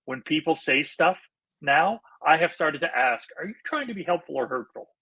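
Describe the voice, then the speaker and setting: A man's voice: on the high side, animated, normal speed, pushed and bright, husky, rough recording. A man co-hosting a podcast in casual chat, explaining things in an earnest, easygoing way. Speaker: podcast co-host.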